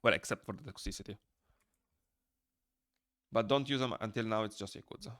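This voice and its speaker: This young man, a native Romanian speaker from Moldova with a Moldovan accent, rambles casually to viewers as he draws on stream, reading out their messages and responding. His lowish, fairly bright voice moves a little fast. The recording, made in a small indoor room, is dry and studio quality.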